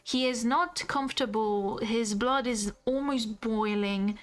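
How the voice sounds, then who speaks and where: Woman streamer, casual game commentary, slow, chatty, swears freely. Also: on the high side. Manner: chatty, swears freely, explains her character's thoughts.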